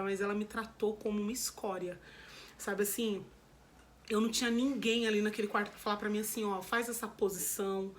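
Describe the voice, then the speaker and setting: A woman's voice: a little high, fairly bright tone, a little hiss or hum. Emotional Brazilian woman telling her story. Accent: Brazilian Portuguese. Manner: emotional, candid, repeats herself and addresses viewers as "gente". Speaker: vlogger. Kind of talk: personal storytelling to viewers.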